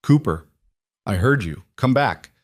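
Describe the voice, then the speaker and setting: A man's voice: expressive, a little slow, no echo, clean studio sound. A man doing a terse, weary biker leader. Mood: grim. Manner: terse, low-key.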